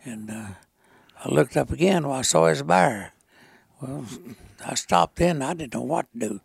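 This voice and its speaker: An elderly man with a rural Arkansas, Appalachian-like mountain accent and a gravelly voice, telling a folksy story in a halting, plainspoken way. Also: medium pitch, animated, no echo, clean studio sound. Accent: rural Arkansas Ozark mountain, Appalachian-like. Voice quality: gravelly, raspy old voice. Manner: halting, plainspoken, rustic grammar. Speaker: storyteller being interviewed.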